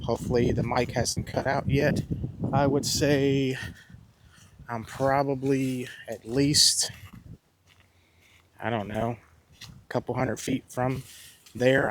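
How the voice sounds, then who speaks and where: A man chats casually outdoors into a wireless lapel mic, his voice passing through noise reduction processing that thins it and tugs at the wind and traffic around him. He rambles in a friendly way and second-guesses his own words. His voice sits at an ordinary middle pitch. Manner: chatty and self-correcting, often second-guessing his own terms. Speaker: wedding videographer reviewing a wireless mic. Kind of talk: casual product review vlog. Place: outdoors near a road, with wind.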